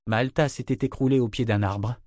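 A man reading a novel aloud as narrator, in an even, measured way. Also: on the low side, no room sound, clean studio sound. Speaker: audiobook narrator. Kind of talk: scripted narration.

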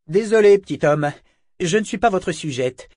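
A man's voice: high-pitched, animated, moderate pace, darkish tone, dry recording, voice pushed up. A man voicing a bold woman who mocks and talks bluntly. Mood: mocking. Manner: mocking, blunt. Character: bold, mocking woman sailor.

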